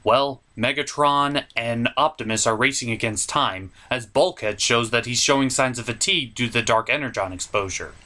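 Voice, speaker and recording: A medium-pitched man hosts a puppet review show, giving animated recap commentary in a theatrical, emphatic showman style and stretching out his words.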